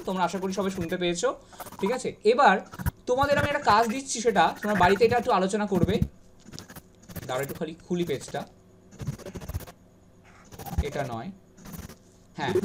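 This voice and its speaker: Woman with Bengali accent, English teacher, slightly high voice, emphatic repetition, faint background noise. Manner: drills pronunciation by repeating words slowly and emphatically. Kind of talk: online spoken-English class.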